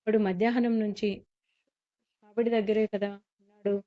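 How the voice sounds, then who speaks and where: Short-tempered scolding dad-in-law read by a woman, low flat delivery, kinda muffled audio. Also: normal speed, close to an everyday voice. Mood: irritated. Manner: scolding and shouting. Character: grumpy middle-aged man, a short-tempered father-in-law. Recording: slightly muffled lo-fi recording.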